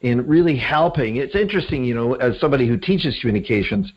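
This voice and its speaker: A man's voice: medium pitch, expressive, fast talker, slightly rough. Male podcast host on dull, lo-fi audio. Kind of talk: conversational interview.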